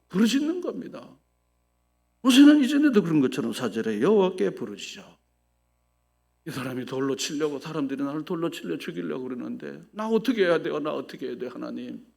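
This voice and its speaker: A male pastor delivers a sermon with a gravelly, husky voice set fairly high. His pitch swings widely as he preaches, and he acts out people's cries in a changing voice. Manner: animated preaching, acting out people's cries in a shifting voice.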